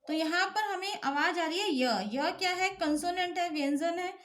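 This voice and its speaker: A woman's voice: very high voice, normal speed, a bit bright, echoey room. A woman teacher giving a grammar lesson, asking questions and answering them herself, and checking in with the class again and again. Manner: keeps repeating an affirming check-in.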